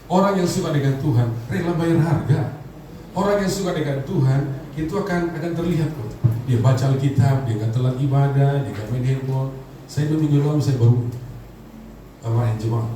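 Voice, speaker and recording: A man's voice: medium pitch, normal speed, mellow. A pastor in his fifties from Indonesia, preaching a sermon with humor and calling on the congregation to answer him. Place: large church hall. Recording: echoey hall, distant mic, background noise.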